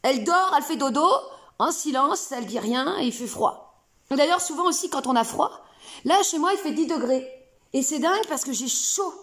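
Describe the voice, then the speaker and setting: A woman's voice: high-pitched, lively intonation, normal speed, a bit bright. A woman explaining ideas casually to camera at home, playful and rambling with many hesitations. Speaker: self-help video host. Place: home room.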